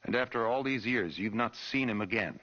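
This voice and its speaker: An actor playing a stern, skeptical American police chief who speaks bluntly and officially in a taped game interview. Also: male voice, medium pitch, fairly quick, close to an everyday voice. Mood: skeptical, impatient. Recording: dull, muffled old tape recording.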